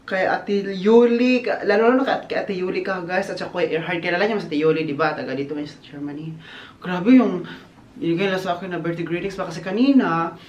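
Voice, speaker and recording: A man chatting casually in a birthday vlog, animated and laughing often, slipping English phrases into his talk. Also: high-pitched, a little fast, lo-fi sound, a little hiss or hum. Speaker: vlogger. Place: outdoors on a windy day. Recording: echoey, roomy sound.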